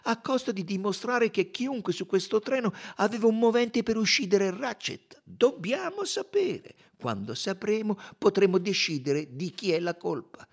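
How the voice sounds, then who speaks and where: Man reading as a fussy detective, raised pitch, precise, husky edge, lively. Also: moderate pace, hardly any pauses, exaggerated voice. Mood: insistent. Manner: high, insistent, precise. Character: fussy, sharp-minded Belgian male detective. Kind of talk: audiobook character reading.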